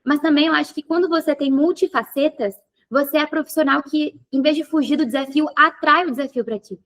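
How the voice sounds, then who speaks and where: High-voiced woman hosting an interview. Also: fairly quick, fairly bright tone. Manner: talkative, thinks aloud with many fillers. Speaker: podcast host and physiotherapy teacher. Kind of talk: casual interview chat.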